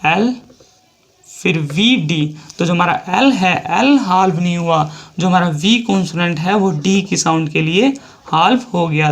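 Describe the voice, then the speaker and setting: A shorthand teacher with an Indian accent explaining a lesson step by step, repeating each example and spelling words out letter by letter. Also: medium pitch.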